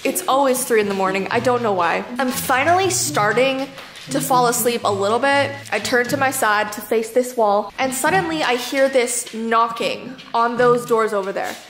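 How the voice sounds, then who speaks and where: A woman's voice: on the high side, moderate pace, fairly bright tone, a little hiss or hum. A young woman, chatting informally as she vlogs and tells stories in an echoey, sparsely furnished bedroom. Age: young adult. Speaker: vlogger. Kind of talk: casual vlog storytelling. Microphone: camera held or set at about arm's length. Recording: echoey, sparsely furnished room, music behind.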